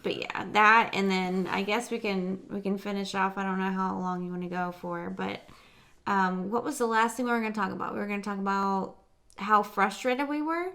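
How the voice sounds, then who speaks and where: A young woman co-hosting a casual movie review chat, relaxed and chiming in. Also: mid-range voice, normal speed, gravelly. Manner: relaxed, chiming in, laughs easily. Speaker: co-host.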